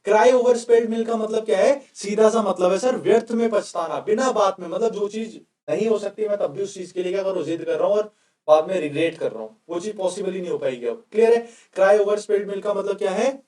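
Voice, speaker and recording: A man's voice: high voice, fairly quick, darkish tone, reverberant, distant mic. A male coaching teacher giving a casual classroom vocabulary lecture. He keeps asking his students questions as he explains.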